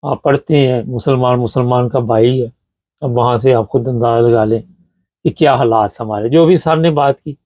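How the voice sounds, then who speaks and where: Male host, mellow dark voice, deliberate and lamenting, dry close sound. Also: mid-range voice, dry recording. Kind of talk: talk show commentary.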